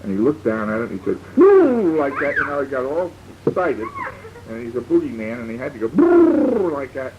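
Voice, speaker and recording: An older man, a grandfather, improvising a rambling bedtime story for a child and pausing to explain words. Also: mid-range voice. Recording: dull lo-fi home tape with faint hiss.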